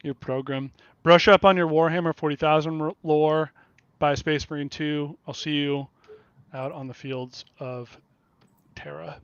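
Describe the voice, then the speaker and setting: Male host, casual and profane, laughs easily; slightly high voice, muffled dry lo-fi recording. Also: fairly even intonation, unhurried, fairly bright tone, clean tone, no echo. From Kansas City area, USA. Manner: profane, blunt, laughs a lot. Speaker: podcast host. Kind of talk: casual chat. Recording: dull lo-fi dry sound.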